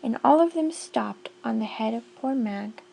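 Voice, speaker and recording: A woman narrates a children's storybook aloud, bouncing along with the rhyme in a sing-song rhythm. Her voice sits a little high, with a gravelly edge to it. She keeps a steady, storytelling cadence. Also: moderate pace, noisy background. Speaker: audiobook reader.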